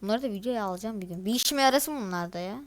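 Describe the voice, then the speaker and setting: Racing along in a mid-range voice, this teenage gaming creator grumbles her way through casual commentary on her play. She's chatty and exasperated, speaking directly to the people watching.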